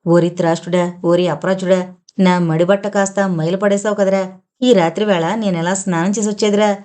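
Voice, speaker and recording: A woman's voice: mid-range voice, fairly even intonation, a little mellow, lightly acted. A woman voicing a harsh scolding mother-in-law. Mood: shrill berating. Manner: scolding, drawn-out taunting words.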